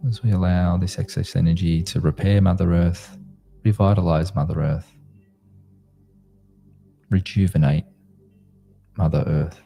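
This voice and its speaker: A man with a very dark, relaxed voice and a creaky edge leads a guided meditation over music. He speaks like a sleep story narrator, gently and soothingly, leaving space between short phrases. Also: low-pitched, a little slow, pauses often. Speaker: meditation guide, host of a live group session.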